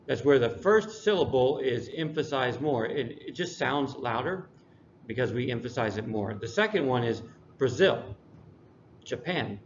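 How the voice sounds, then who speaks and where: Relaxed male English teacher, lo-fi. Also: mid-range voice, moderate pace. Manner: relaxed, dry classroom humor. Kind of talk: recorded lesson review. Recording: dull lo-fi recording, faint noise.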